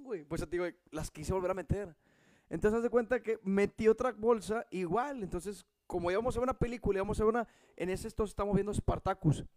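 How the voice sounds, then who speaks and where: A young man with a Mexican Spanish accent tells a story to a friend in a light, high voice. He laughs often and swears without a second thought. The sound is dry and close, with no room echo. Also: darkish tone. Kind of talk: casual storytelling chat.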